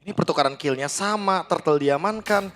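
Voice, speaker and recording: A man's voice: fairly high pitch, fairly quick, background noise. A man with an Indonesian accent giving analytical commentary on an esports match. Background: music.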